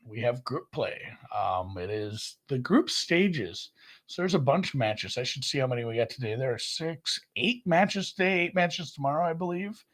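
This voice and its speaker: A man co-hosting a sports betting podcast, talking in a rambling casual way and correcting himself often. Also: normal speed. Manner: rambling, self-correcting, lively jumps in pitch. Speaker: podcast co-host.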